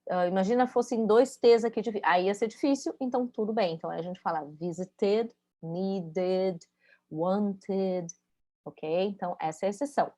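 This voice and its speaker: A woman with a warm, medium-pitched voice teaches English pronunciation in a casual spoken lesson, talking fast with hardly any pauses. She explains patiently, demonstrates sounds, and checks in with her students.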